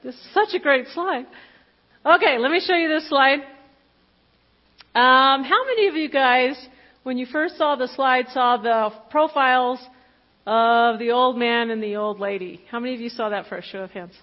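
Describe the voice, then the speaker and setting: A woman of fifty giving a candid, conversational sermon about her own life, with fillers and quick self-corrections. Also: high voice. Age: 50s. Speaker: preacher. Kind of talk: personal testimony sermon. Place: church hall. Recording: dull lo-fi recording with long hall reverb.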